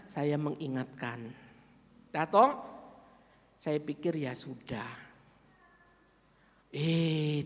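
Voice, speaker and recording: A male pastor with an East Javanese accent preaching a sermon, telling a personal story, swinging from hushed to animated. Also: fairly high pitch. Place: church. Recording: echoey church hall.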